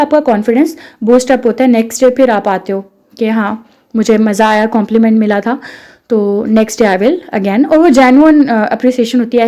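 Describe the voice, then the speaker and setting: A high-pitched woman with a Pakistani accent, speaking in a mellow, dark tone. She is an English course instructor walking through her program step by step. She keeps asking rhetorical questions and mixes English phrases into her talk. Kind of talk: promotional course explainer.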